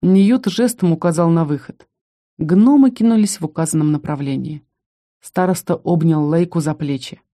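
A woman narrating a first-person audiobook with expressive storytelling. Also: lowish voice, moderate pace.

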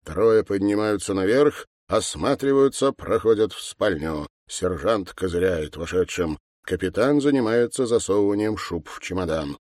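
A man reads an audiobook in a measured, matter-of-fact tone. His voice is on the low side. The recording is dry and close, with no room sound. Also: darkish tone, no echo. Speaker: narrator. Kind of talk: audiobook narration.

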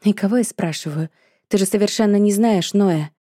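A woman voicing an impulsive, emotional young woman who speaks up loudly and complains in an audiobook. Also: mid-range voice, fairly quick, no room sound, studio quality, close to an everyday voice. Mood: excitable. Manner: excitable, complaining, raised voice.

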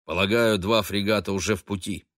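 Man playing merchant host, smooth, authoritative, lowish bright voice. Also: fairly even intonation, brisk, no echo, studio quality, natural voice. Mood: commanding.

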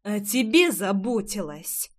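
A woman reading an audiobook voices the heroine's bossy friend, who scolds and teases in slow, drawn-out words. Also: a little high, animated. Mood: scolding. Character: bossy, teasing adult female friend.

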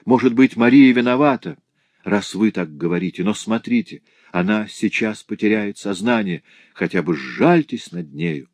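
A man's voice: fairly low pitch, animated, normal speed, a little mellow, no echo. A man reading aloud and voicing a kind young girl who pleads earnestly, in a dry recording. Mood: pleading. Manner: imploring, heartfelt.

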